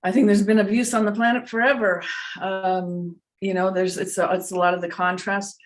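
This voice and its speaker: A woman's voice: medium pitch, flat delivery, normal speed. A middle-aged woman who works as a trance medium, answering questions in an earnest, reflective, unscripted way and repeating words for emphasis. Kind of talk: unscripted spiritual Q&A talk.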